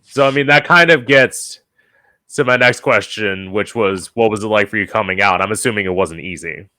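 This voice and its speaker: Bright-voiced podcast host. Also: male voice, fairly low pitch, moderate pace. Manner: curious, asks questions, shares own story. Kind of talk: interview chat.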